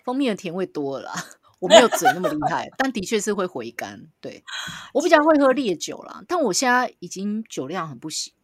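A woman's voice: medium pitch, fairly quick. A woman co-hosting a podcast in casual chat, telling stories and laughing a lot. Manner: lively, laughs a lot, storytelling. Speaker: podcast co-host. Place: small wooden-walled room at home.

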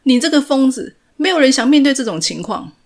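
A woman's voice: low voice, normal speed, breathy edge. A woman voicing an anxious young woman who pleads and scolds through tears in a retold drama. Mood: furious. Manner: pleading then scolding, crying.

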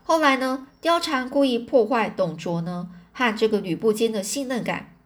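A woman's voice: a little high, moderate pace. A woman narrating a classic story in a chatty way. She stretches out her particles and stops to explain old words.

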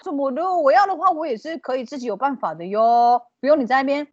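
A woman in her thirties with a Taiwanese Mandarin accent, co-hosting a casual chat and telling stories with animated indignation. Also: high-pitched, quick pace, dry recording, lo-fi sound. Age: 30s. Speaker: podcast co-host.

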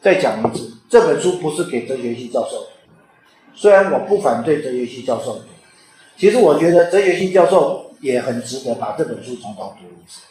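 A man's voice: medium pitch, lively intonation, a little fast, mellow. A man who is an author and teacher, giving an informal lecture in a conversational way and often checking in with the listeners. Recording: very echoey room.

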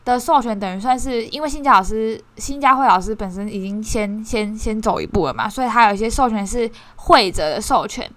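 A woman casually shares her impressions of a course, talking in an animated, self-mocking way with many restarts. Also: on the high side, brisk, few pauses, no room sound. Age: 20s. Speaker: course participant sharing reflections. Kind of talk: casual spoken sharing.

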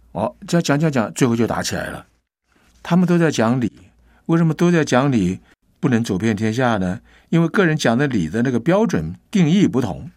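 A man's voice: medium pitch, darkish tone, no room sound, clean studio sound. A man telling moral stories on the radio in a folksy, chatty way, often asking the listeners questions. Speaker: radio storyteller.

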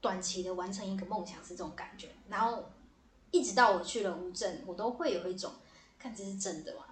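A young woman, a theater director and podcast guest, telling a story in a lively, casual way and cursing now and then. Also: mid-range voice, fairly quick, slight background noise. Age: young adult. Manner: lively storyteller, swears casually, repeats "对对对". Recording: roomy echo.

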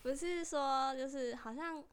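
A young woman, co-hosting a casual chat, chatty and quick to react and prompt her partner. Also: high voice, crowd noise. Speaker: co-host.

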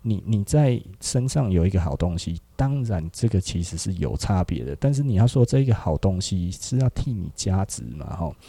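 Gravelly low-voiced Taiwanese man. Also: big pitch swings, normal speed, few pauses, dark tone, no room sound. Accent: Taiwanese Mandarin. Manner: chatty, constant rhetorical tag questions. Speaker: podcast host, clothing shop owner. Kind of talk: casual podcast monologue.

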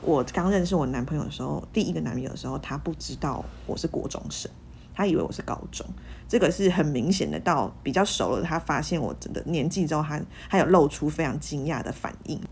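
A young woman, telling frank, animated stories in a casual podcast chat. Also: deep voice, fast, gravelly, slight background noise.

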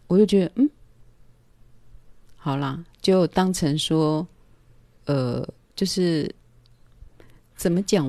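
A woman, telling a personal story at home in a calm, hesitant way with many pauses and fillers. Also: low voice, dry recording. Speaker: vlogger.

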